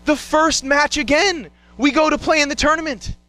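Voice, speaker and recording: A young man performing a one-man show, telling a story in an animated way and acting out scenes and voices. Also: moderate pace, no echo. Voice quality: bright, high-pitched voice. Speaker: solo stage performer.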